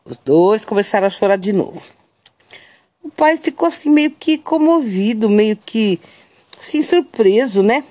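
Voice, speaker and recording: A woman with a Brazilian Portuguese accent telling a family story in a casual, unhurried way, often checking in with tag questions. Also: medium pitch, lively intonation, warm tone. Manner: unhurried, keeps adding "né?" tags.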